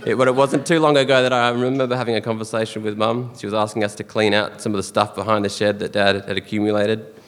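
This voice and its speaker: A man's voice: lowish voice, level tone, fast, few pauses. Australian man giving a eulogy in a hall. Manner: earnest and fond, with soft chuckles. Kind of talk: funeral eulogy. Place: church or funeral hall. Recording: long hall reverb.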